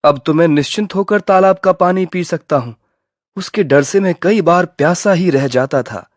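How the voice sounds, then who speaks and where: A man's voice: on the high side, normal speed, dry recording, clean studio sound, voice pushed up, close to an everyday voice. A man doing a jumpy, sly jackal. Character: clever, wary male jackal, jumpy and sly.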